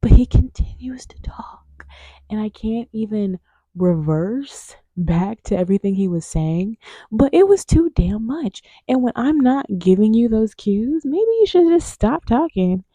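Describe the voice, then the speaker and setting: A young woman vlogger telling candid stories in a frank, profane way. She swings between loud outbursts and hushed, near-whispered asides. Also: fairly high pitch, expressive, measured pace, no room sound. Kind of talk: candid casual storytelling.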